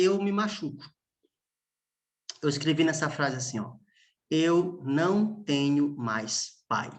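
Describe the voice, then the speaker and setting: A man, a pastor preaching a sermon as emotional storytelling, with long pauses and hushed moments. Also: on the high side.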